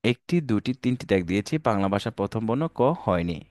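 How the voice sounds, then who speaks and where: A man's voice: lowish voice, lively intonation, normal speed, darkish tone, no room sound, clean studio sound. A man teaching an online Quran reading lesson, addressing viewers as dear brothers and sisters, mixing English words into his speech and calling out letters for them to repeat.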